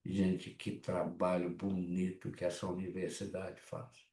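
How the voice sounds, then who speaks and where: A gravelly, mellow-toned man with a Mineiro accent gives a class in a chatty, blunt manner, breaking into lively asides. He sounds middle-aged, and his voice rings in an echoey room. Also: deep voice, measured pace. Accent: Mineiro Brazilian Portuguese. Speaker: psychoanalysis teacher. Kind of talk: online class talk.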